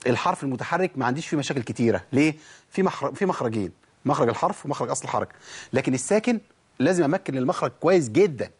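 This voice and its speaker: A man with an Egyptian Arabic accent teaching Quran recitation rules, asking and answering his own questions and demonstrating sounds. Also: mid-range voice. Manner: demonstrates pronunciation. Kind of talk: tajweed lesson.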